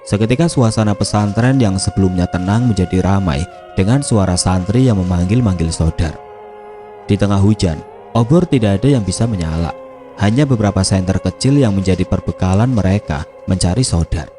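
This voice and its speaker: A man narrating a scripted horror story in a steady, measured reading. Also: deep voice, faint music behind.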